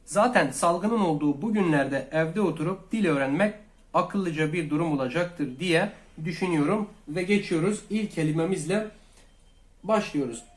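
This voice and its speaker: A man from Turkey teaching a language lesson, calmly repeating each phrase twice and speaking to viewers as friends. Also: on the high side, moderate pace, reverberant. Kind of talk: slow Russian lesson for Turkish learners.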